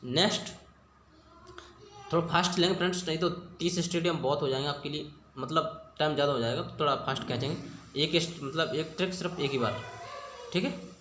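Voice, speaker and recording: A man's voice: on the high side, a little fast, fairly bright tone, slight background noise. A young man teaching exam memory tricks in a casual, chatty way, often asking the viewer questions and checking they follow. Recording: echoey room with faint ambience.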